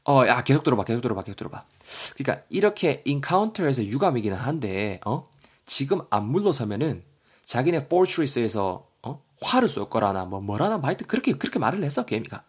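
A man playing a young man who excitedly recounts a strange dream. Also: medium pitch, fairly quick, breathy edge. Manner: chatty, excitable storytelling.

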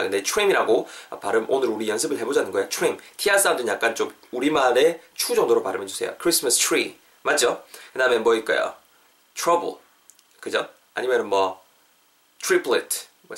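A man hosting a podcast language lesson, chatty, explaining step by step and repeating phrases slowly for practice. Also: medium pitch, fairly bright tone. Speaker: host and English teacher.

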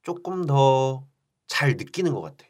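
Frank, lively-voiced man telling his story. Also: mid-range voice, unhurried. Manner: frank, confessional, self-deprecating. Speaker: podcast guest. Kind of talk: candid storytelling.

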